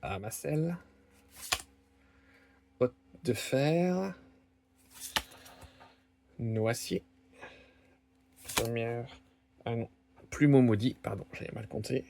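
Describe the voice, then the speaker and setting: A man's voice: mid-range voice, gravelly, dark tone, a little hiss or hum. A man opening trading card packs and chatting casually, reading out each card name as he goes. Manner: slow, musing, lists card names one by one. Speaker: card-opening video host. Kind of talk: casual unboxing commentary. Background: crinkling card wrappers.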